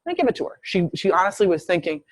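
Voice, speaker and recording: Male lecturer, slightly high voice, dry close sound, narrates cases vividly. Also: very animated, rapid-fire, dry recording. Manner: storytelling, acts out quoted speech. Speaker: visiting professor lecturing. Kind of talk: medical case lecture.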